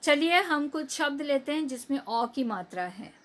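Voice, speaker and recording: A woman teacher giving a recorded class lesson to young children, drawing out each word slowly so they can repeat it after her. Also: high voice, expressive, a bit bright.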